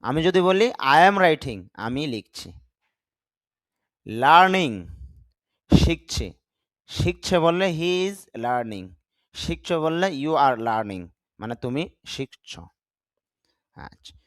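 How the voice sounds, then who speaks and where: With lively intonation and a slightly bright tone on the high side, a man teaches English words in a recording free of room sound. His pace is slow and deliberate as he says, repeats and spells each one and explains how to pronounce it correctly during pronunciation drills.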